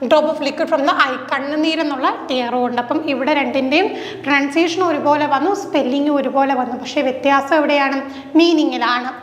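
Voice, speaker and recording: Her voice sits high and moves at a moderate pace as this female teacher runs exam preparation, asking questions she then answers. She speaks Malayalam and has a Malayali English accent, and the room is echoey with a long reverb.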